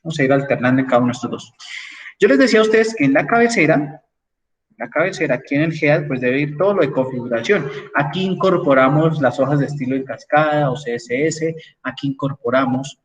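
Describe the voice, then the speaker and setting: A man's voice: on the high side, quick pace, far from the mic, low-quality recording. A man lecturing an engineering class online, explaining step by step and checking in with his students as he goes. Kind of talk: online class with screen sharing.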